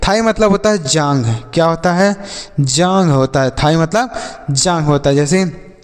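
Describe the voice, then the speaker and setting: A man teaching English vocabulary in a slow lesson, asking and answering his own questions with many repetitions. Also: fairly high pitch, clear, resonant tone, big-room sound. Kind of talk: spoken language lesson.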